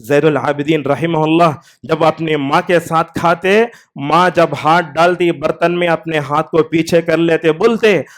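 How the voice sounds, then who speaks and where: A man's voice: a little high, steady tone, unhurried. A man delivering a Friday sermon in a mosque, telling stories with a voice that rises and falls with the tale. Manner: storytelling preacher, voice rising and falling with the tale. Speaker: preacher.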